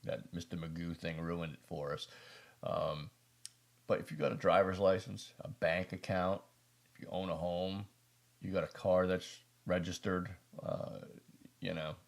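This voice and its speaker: A deep-voiced American man with heavy gravelly fry hosts a casual prepper channel, reviewing gear straight to camera for his viewers. He talks at a measured pace in a steady tone, rambling with folksy asides and poking fun at himself.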